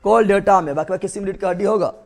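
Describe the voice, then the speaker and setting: A high-pitched young man teaching biology. He keeps firing quick questions at the class and repeats key terms until they stick. His tone is that of a classroom lecture. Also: gravelly.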